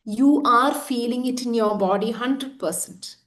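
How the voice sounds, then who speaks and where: Woman, high voice, earnest practitioner who leans on repetition. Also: measured pace, fairly bright tone. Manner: earnest, repeats words for emphasis. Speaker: EFT practitioner guest. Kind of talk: conversational explanation.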